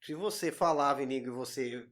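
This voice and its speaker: A man's voice: mid-range voice, brisk, a bit bright. A man hosting a casual podcast, affirming his guest and recapping what was said. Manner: affirming listener, recaps and questions. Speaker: podcast host. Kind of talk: casual chat.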